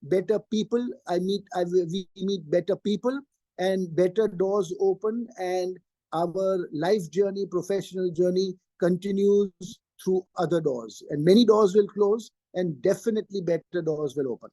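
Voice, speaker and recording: Older man, interview guest; high, mellow tone, emphatic and repetitive, dry close sound. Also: moderate pace, no room sound. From Pakistan. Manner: emphatic, repeats key phrases. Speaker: interview guest, trainer and career coach. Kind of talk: interview answers.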